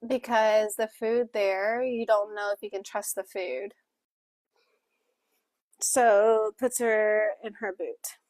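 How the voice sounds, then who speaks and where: A woman co-hosts a relaxed book club discussion, speaking expressively and chattily with lots of fillers while also voicing interpreted signing. Her voice is mid-range and slow, and the recording has no echo.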